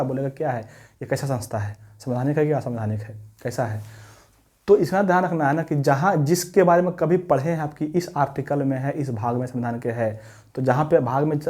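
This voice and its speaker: A man gives an exam-prep lecture, often coughing and clearing his throat, repeating points and quizzing with tag questions. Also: mid-range voice, mellow. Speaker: exam coaching teacher.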